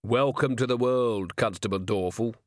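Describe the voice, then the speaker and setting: A middle-aged watch commander from an audiobook tale, dry and understated. A man reads him in a middle-pitched voice, recorded close and dry. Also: moderate pace, no room sound, natural voice. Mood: wry.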